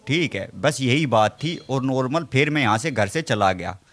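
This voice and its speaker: A man giving a halting account in a local news interview, repeating a filler between phrases. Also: medium pitch, expressive, fairly bright tone.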